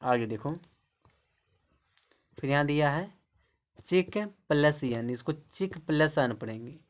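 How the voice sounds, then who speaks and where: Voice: mid-range voice, expressive, takes it slowly, lo-fi sound. A teacher giving a step-by-step explanation to camera. The teacher keeps repeating points and asks rhetorical questions, then answers them. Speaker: English teacher. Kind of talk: classroom-style explanation to camera.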